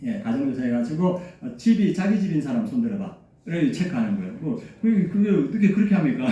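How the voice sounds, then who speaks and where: A man's voice: on the high side, mellow, a little hiss or hum. A male pastor preaching a sermon, telling a story with fillers and questions to the congregation. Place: church sanctuary. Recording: echoey church hall, voice from far off.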